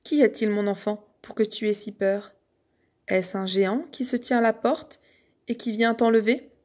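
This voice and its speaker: A stern old king from a fairy tale who speaks calmly and firmly, read by a woman in nearly her own voice. There's no big character voice, just a steady, authoritative tone. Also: mid-range voice, moderate pace, natural voice.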